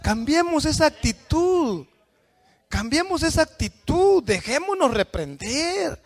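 A male pastor with a very high, gravelly voice delivers a sermon. He alternates between shouted, fervent calls of praise and quiet, conversational asides to the congregation. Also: very animated, slow. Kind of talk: Pentecostal-style sermon.

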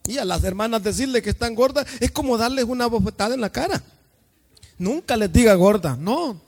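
A male pastor preaching an evangelical sermon, joking in quiet asides and breaking into sung, shouted praise. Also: extremely high pitch, lively intonation, brisk. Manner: jokey preaching that swings between intimate asides and sung shouts. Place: church. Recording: echoey church hall.

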